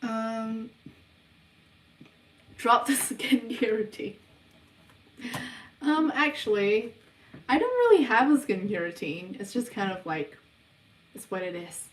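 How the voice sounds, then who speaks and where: A young woman chats slowly through a livestream Q&A, pausing on ums as she reads out questions. Her voice sits a little back from the mic in an echoey room. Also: a little high, very animated, distant mic. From New Zealand. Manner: unhurried, hesitant, many ums, reads questions aloud before answering. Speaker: livestream host of a subliminal channel. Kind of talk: casual livestream Q&A reading chat questions. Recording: roomy sound, voice away from the mic.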